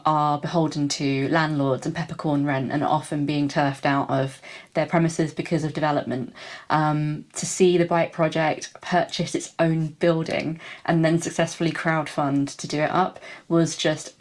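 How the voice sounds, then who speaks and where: Low-voiced, gushing woman vlogger. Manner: upbeat, gushing, quick run through a list. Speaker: cycling vlogger. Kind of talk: enthusiastic vlog roundup.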